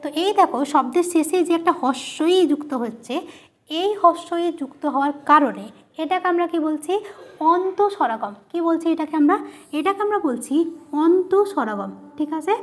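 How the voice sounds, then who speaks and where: High-voiced woman teaching grammar. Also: expressive, normal speed. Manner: asks and answers her own questions, repeating key terms. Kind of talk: grammar lesson.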